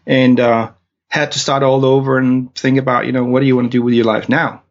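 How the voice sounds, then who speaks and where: At medium pitch and a little fast, with a level tone, the Danish-accented interviewee from Denmark recounts his story, stumbling through fillers and restarts. The recording sounds dull and low-fidelity.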